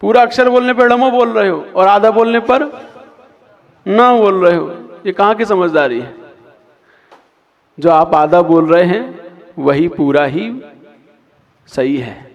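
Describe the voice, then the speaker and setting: Male Jain monk, measured and slow, drills listeners on verse recitation, reverberant hall. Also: high-pitched, muffled recording. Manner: quizzes listeners and repeats answers; slow drawn-out chanting of verse lines. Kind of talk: recitation lesson with chanted verses.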